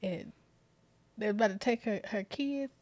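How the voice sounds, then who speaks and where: A woman's voice: mid-range voice, a little slow, darkish tone, no echo. A woman co-hosting a podcast, reacting and chatting casually. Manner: reactive, frequent backchannels. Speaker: podcast co-host. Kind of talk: casual chat.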